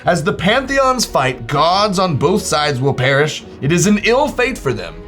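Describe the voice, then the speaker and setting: A woman's voice: low voice, very animated, a little slow, a bit bright, faint music behind, exaggerated voice. Solemn oracle, read by a man in his own voice. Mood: portentous. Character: solemn female oracle foretelling fate. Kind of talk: reading flavor text aloud.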